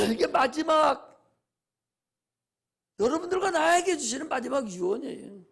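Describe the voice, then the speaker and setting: Man playing a pastor with a very high, gravelly voice, impassioned sermon, swings from loud exhortation to hushed asides. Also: expressive, unhurried. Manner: repetitive preaching cadence.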